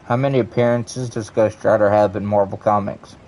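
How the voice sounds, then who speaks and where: A young man streaming, chatting casually and rambling excitedly to his viewers, prone to ranting. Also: lowish voice, a little hiss or hum. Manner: rambling, excitable, quick to rant.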